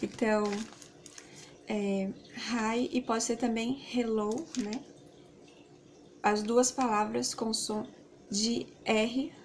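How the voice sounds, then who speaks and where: A Brazilian woman, Portuguese her first language, talks through a relaxed English lesson in a slightly high voice. She rambles, with many fillers and tag questions along the way. Faint background noise is heard behind her. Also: extremely slow, long pauses. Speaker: English teacher.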